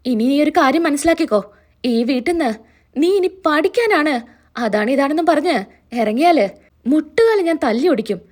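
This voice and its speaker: A woman's voice: high-pitched, animated. A woman retelling a story, voicing an angry middle-aged mother who scolds her daughter harshly. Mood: angry scolding. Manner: harsh, scolding, rapid bursts.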